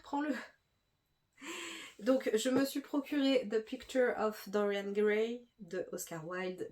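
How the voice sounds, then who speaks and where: A woman's voice: mid-range voice, darkish tone. A young woman with a stuffy nose chatting casually through a book haul, full of fillers and restarts. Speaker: booktuber.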